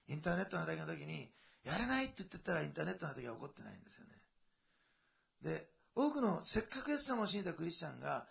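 A man preaching a sermon in a lively, conversational way, with asides and a lilt. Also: fairly high pitch, vocal fry. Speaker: pastor.

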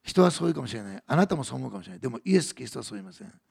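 A man preaching a sermon as pastor, earnest, moving between soft hushed passages and raised emphatic lines. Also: mid-range voice, very animated, very fast, vocal fry, slightly rough.

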